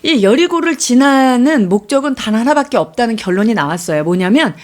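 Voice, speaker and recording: A woman's voice: fairly high pitch, animated, a little fast. A woman interpreting a sermon live, explaining and restating each point with fillers.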